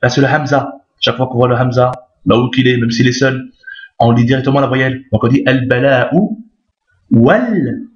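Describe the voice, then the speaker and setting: A man's voice: medium pitch, moderate pace. Patient male teacher in a roomy recording. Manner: patient and repetitive, checks understanding often. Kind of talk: recorded Arabic alphabet lesson. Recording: roomy, dull lo-fi sound.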